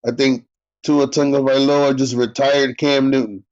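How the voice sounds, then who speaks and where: A man's voice: mid-range voice, level tone, unhurried, darkish tone. Man with a joking sarcastic edge on a dull lo-fi stream. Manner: joking, sarcastic, talks to the chat. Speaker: co-host of a live sports talk stream. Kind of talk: casual live-stream chat.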